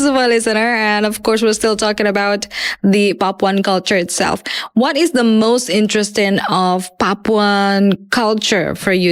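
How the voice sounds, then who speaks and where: A woman's voice: mid-range voice, clean tone. A woman hosting a radio talk show, asking a guest questions and introducing songs. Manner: friendly, leading questions. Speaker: radio host.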